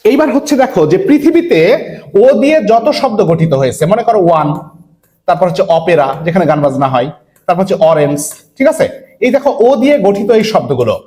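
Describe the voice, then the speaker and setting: A man from Bangladesh teaching an English admission-test lesson online, who asks his students questions, answers them himself and repeats words slowly. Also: high voice, sing-song, mellow. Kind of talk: online lecture.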